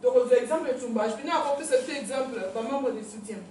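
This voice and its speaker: A woman's voice: sits high, quick pace, mellow, slight background noise. A woman leading a pronunciation lesson, drilling words aloud and checking in with her students. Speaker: language teacher. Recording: very echoey room, far from the mic, faint ambience.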